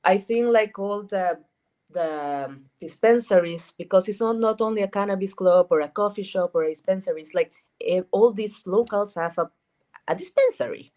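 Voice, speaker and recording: A woman from Rica, a guest chatting casually in an interview, talking in a halting way with repeated words and lots of fillers. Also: medium pitch, a little mellow. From Costa Rica. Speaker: guest, cannabis events organizer.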